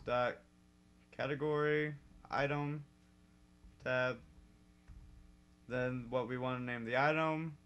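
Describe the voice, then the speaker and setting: A man's voice: mid-range voice, steady tone, takes it slowly, pauses often, a bit bright, clear, resonant tone, muffled recording. Chatty young man explaining code. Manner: chatty and self-correcting, laughs at own slips. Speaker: modding tutorial host. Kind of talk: casual screen-recorded coding tutorial. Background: keyboard typing.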